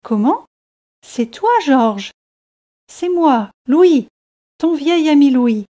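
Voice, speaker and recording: A woman's voice: fairly high pitch, expressive, measured pace, dark tone. A woman voicing a cheerful Englishman visiting the French seaside, friendly and eager with his questions.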